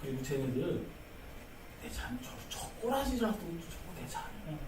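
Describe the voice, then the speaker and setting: Stern, grave God rebuking His servant, as a preacher puts Him on; low, slow, reproachful; distant mic in a roomy hall. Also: noisy background, close to an everyday voice. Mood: stern rebuke.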